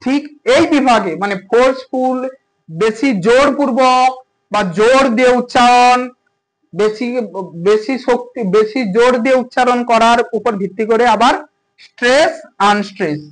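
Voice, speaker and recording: Very high-voiced man teaching grammar. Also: normal speed, low-quality recording. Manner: repetitive, checks understanding with questions. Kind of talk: grammar lesson explaining to students.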